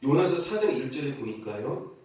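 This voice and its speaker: Animated pastor in a very echoey church. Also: male voice, mid-range voice, normal speed. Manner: leads the congregation in call-and-response repetition; emphatic, rhetorical questions to the congregation. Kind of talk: sermon. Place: church sanctuary. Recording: very echoey church from a distant mic.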